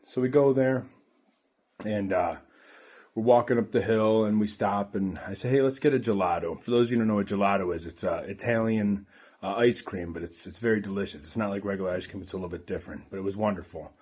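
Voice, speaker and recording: A man's voice: on the low side, fast, darkish tone. A man, middle-aged, telling a personal story to his viewers in a rambling, earnest way, often repeating phrases. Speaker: vlogger. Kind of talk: casual storytelling to camera.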